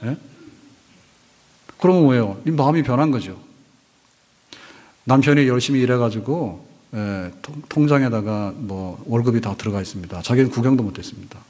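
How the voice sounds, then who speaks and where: A male pastor gives a Sunday sermon in a plain, mid-pitched voice. He talks to the congregation casually, building his points through stories and asking them questions. His voice carries a long reverb from the church sanctuary. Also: moderate pace, long pauses, darkish tone. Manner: conversational preaching with anecdotes and rhetorical questions.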